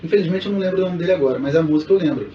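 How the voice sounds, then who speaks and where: A man co-hosts a casual podcast and explains things in a relaxed way, often laughing. His voice is a little high. The recording is dull, roomy and distant, with faint background noise. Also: rapid-fire. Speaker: podcast co-host. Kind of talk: casual chat. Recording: echoey room, distant mic, dull sound, faint noise.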